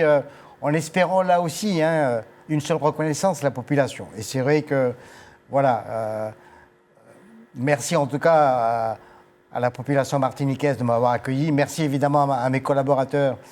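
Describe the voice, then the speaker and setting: An older man, appearing as a guest on a TV studio set, is interviewed as a departing agency director. His mid-range, darkish voice moves at a moderate pace, and he speaks formally with frequent hesitations.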